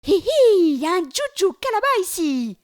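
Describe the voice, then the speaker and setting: A woman voicing a brave, cunning little boy in a storybook reading, with a high, mocking voice. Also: animated, normal speed. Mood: shouting.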